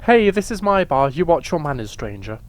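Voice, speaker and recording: A man's voice: fairly high pitch, big pitch swings, moderate pace. A man voicing a stern, folksy small-town barkeep in a game.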